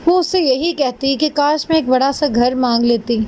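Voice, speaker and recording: High-voiced woman telling a storybook tale. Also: a little mellow, a little hiss or hum. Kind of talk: storybook narration for children.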